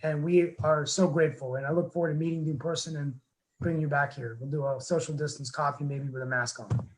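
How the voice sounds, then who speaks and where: A man's voice: a little high, fairly even intonation, quick pace, rough recording. A man hosting a webinar over a video call, talking earnestly and rambling with lots of fillers and restarts. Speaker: webinar host, town council member. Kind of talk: casual webinar talk.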